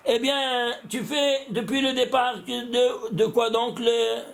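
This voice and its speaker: A man's voice: extremely high pitch, level tone, slow pace, vocal fry. An older man, a rabbi teaching a Torah lesson with number counts. He keeps asking the class questions and answering them himself, and he often restarts his phrases. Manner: repeats words and restarts phrases.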